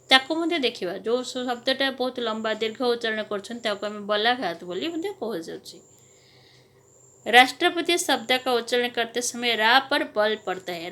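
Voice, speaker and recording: A woman's voice: fairly high pitch, bright, forceful tone. A woman teacher, a native Odia speaker, giving a grammar lesson and explaining each numbered point by moving between Hindi and Odia.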